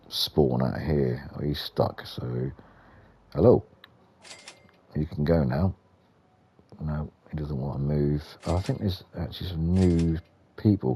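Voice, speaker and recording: A British man with an extremely low, husky voice talks through a video game. His tone is dark and mellow, and his commentary is casual, understated and a little repetitive. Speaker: gaming video host.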